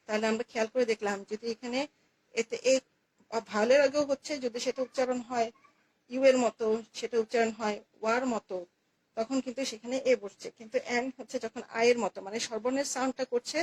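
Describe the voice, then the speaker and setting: Woman teacher, slightly high voice, patient and repetitive, explaining grammar to children. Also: slight background noise, poor audio. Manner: patient, repeats key words, asks and answers her own questions. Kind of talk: classroom lesson explaining articles.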